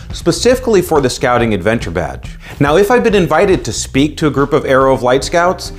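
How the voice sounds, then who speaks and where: A man in his thirties with an American accent, explaining to camera in an emphatic, instructive way as a scoutmaster and video host. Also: fairly high pitch. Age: 30s. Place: small room at home, indoors.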